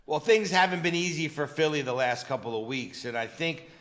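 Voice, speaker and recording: A man's voice: on the high side, expressive, fairly quick, a bit bright. A man co-hosting a sports betting chat, confident, with lots of "you know" fillers and punchy catchphrases. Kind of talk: casual betting-picks chat.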